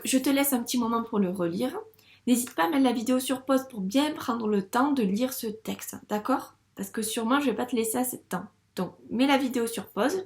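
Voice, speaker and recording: A woman teaching reading to young children, speaking in a patient, encouraging, slow and careful way. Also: a little high, echoey room. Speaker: first-grade teacher.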